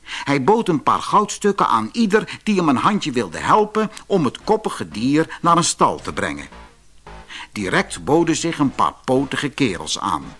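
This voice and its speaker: With a Dutch accent and a slightly husky voice that's a little high, a Netherlands-born audiobook narrator reads a fairy tale aloud. His scripted delivery is expressive.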